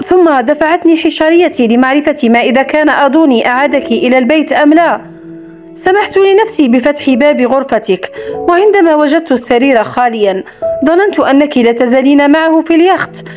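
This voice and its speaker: A woman's voice: high voice, fairly quick, natural voice. A woman voicing a blunt, protective grown man in an audiobook romance, reading his lines expressively. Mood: concerned. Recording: slightly dull recording with soft music.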